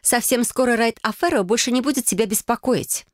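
A haughty young cousin, smug and taunting, her voice pitched up high and bright, as a woman reader puts her on. She speaks in a dry, close recording with no room around it. The tone is steady, cutting mockery. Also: a little fast, no room sound, lightly acted. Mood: mocking. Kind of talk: audiobook character voicing.

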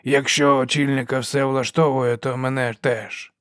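A man's voice: medium pitch, little pitch movement, moderate pace, a bit bright, dry recording, clean studio sound, close to an everyday voice. A man voicing a crippled male inquisitor with a wry, sardonic manner.

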